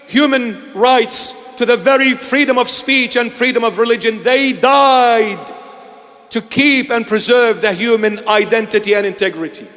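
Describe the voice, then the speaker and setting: A man from Iraq, a bishop, preaching a sermon in a large church hall. He speaks emphatically, repeating his phrases and sometimes breaking into shouts. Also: extremely high pitch. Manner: emphatic and repetitive, bursts into shouts. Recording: long hall reverb.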